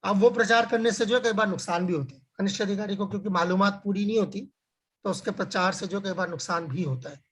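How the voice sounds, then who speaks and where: A man's voice: high-pitched, fairly bright tone. A man teaching a religious scripture class over a video call, explaining with everyday examples and rhetorical questions. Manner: frequent filler phrases and restarts, slows to stress key words. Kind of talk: conversational religious lecture.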